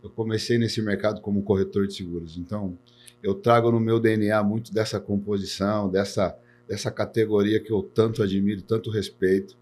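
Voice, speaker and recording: This Brazilian insurance executive in his forties speaks earnestly in a podcast interview, repeating words and tagging sentences with "né". His voice is lowish and a little mellow, delivered flatly at a fairly quick pace.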